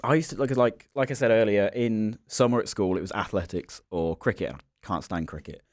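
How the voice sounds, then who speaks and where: A man, co-hosting a casual chat podcast and telling animated stories. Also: lowish voice, brisk, no echo, clean studio sound. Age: early 20s. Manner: animated storyteller, acts out voices in anecdotes. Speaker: podcast co-host.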